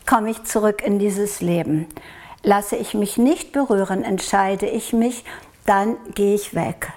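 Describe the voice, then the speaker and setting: A woman's voice: medium pitch, a little mellow. A woman from Norway recounting a personal experience in an interview, speaking hesitantly and reflectively, often searching for words.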